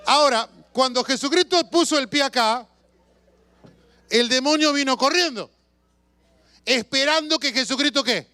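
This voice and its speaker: A man preaching a sermon as a pastor, telling stories with shouts and sound effects and asking the congregation questions. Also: very high voice, moderate pace, pauses often, no room sound. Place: church.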